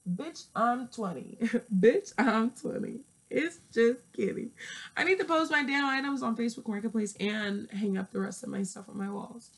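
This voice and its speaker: A twenty-year-old woman vlogs from her small bedroom, talking casually to camera with a fairly high, slightly rough voice, lively intonation and normal speed. She rambles and swears as she thinks aloud, recorded on an earphone mic and laptop webcam.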